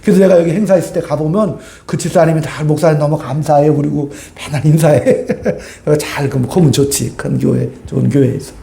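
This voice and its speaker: A man preaches in a high-pitched yet soft, mellow voice, filling a reverberant church sanctuary. His sermon feels like a conversation, and he keeps prompting the pews to agree. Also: brisk, gravelly, few pauses. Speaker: pastor. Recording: echoey church room.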